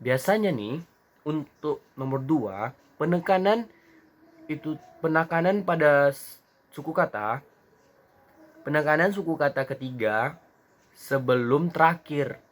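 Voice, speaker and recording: A young man presenting a lesson from slides, talking slowly and haltingly with many fillers and restarts, mixing English terms into his explanations. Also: on the high side. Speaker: student presenter.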